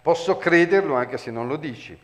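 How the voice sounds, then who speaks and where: A man's voice: animated, normal speed, lightly acted. A man voicing a fussy, shrieking old female queen in a dramatic reading. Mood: lecturing. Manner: high wailing cries, then lecturing.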